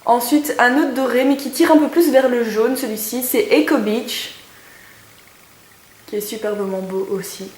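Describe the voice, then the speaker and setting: Speaking at a moderate pace, a young beauty vlogger with a fairly high, darkish voice reviews makeup in a relaxed, chatty manner. She hesitates frequently but praises the products eagerly. The room echoes and carries a faint noise.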